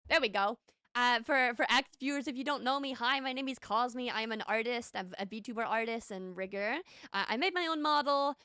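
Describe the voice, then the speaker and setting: On a relaxed live stream, a young woman from the UK reads out viewer messages, giggly, bubbly and sassy in a playful way. She speaks a little fast on the high side, her tone pushed, bright, clear and resonant, with no room sound and studio quality. A streamer and VTuber artist, she has a light British accent that drifts toward American.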